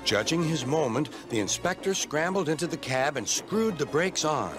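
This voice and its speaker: A man's voice: fairly high pitch, normal speed. A man narrating a children's storybook in scripted style, acting out each character, with music behind. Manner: expressive, acts out every character. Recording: music playing under the voice.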